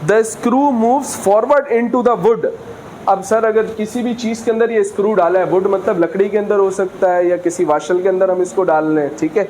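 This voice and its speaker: A man teaching a physics class, reading English lines slowly and explaining with frequent questions to students. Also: high-pitched, fairly even intonation, darkish tone, slight background noise, rough recording. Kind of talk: classroom lecture.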